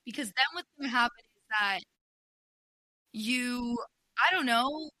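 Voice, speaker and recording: A woman's voice: a little high, a little slow, pushed and bright, poor audio. A woman hosting a casual podcast, talking bluntly with plenty of swearing and reading forum posts aloud. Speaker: podcast host.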